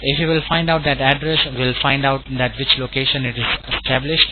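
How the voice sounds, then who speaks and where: A tinny phone line with clear noise carries an Indian-accented man. He is a call center tech support agent with a mid-pitched voice. He speaks politely and at length, repeating himself as he explains. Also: steady tone, brisk. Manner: polite, wordy, repetitive, often saying sir and all right.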